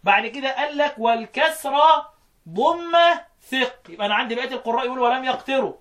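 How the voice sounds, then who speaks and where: Teaching his students Quran recitation, an Egyptian-accented man chants the verses slowly, then explains them rapidly and tests the class with questions. His very high-pitched voice is animated and a bit bright.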